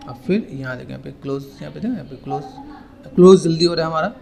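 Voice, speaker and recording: A man giving a casual, repetitive software tutorial, pointing things out step by step. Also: fairly high pitch, fast, vocal fry, a little hiss or hum. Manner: repetitive, keeps saying "here" and "okay". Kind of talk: casual screen-recorded tutorial.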